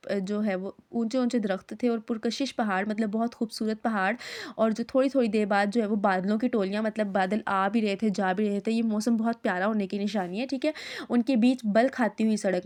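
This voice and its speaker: A woman teacher from Pakistan reads an Urdu chapter aloud and then explains it line by line. She talks at a medium pitch. She pauses often to check that her students are following. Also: darkish tone. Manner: explains each word plainly, often checks with "okay?". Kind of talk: recorded classroom lesson.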